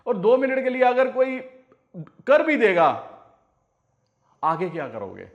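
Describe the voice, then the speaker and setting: A man's voice: very high-pitched, wildly swooping pitch, slow, muffled recording. A man from India hosting a casual advice vlog, talking earnestly and repeating his warnings over and over, pleading personally with his viewers. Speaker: crypto channel host.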